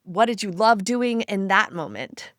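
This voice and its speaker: After a scripted, polished guest intro, this female podcast host shifts to an effusive, enthusiastic casual interview. She speaks at a measured pace with medium pitch and lively intonation, in clean studio audio with no room sound.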